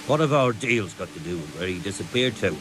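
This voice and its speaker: A man's voice: low voice, expressive, a little fast, over music, rough recording. A man voicing a wary, grudging medieval village tradesman in a video game. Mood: defensive.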